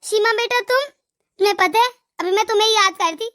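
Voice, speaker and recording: A woman voicing an older mother in an animated moral story, doting and full of blessings. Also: extremely high pitch, brisk. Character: older mother, affectionate to her daughter.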